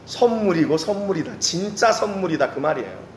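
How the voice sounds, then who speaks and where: A man's voice: sits high, lively intonation, a little fast. A man preaching a sermon as pastor. He speaks earnestly, repeats key phrases for emphasis and addresses the congregation directly. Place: church service. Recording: roomy echo with faint background noise.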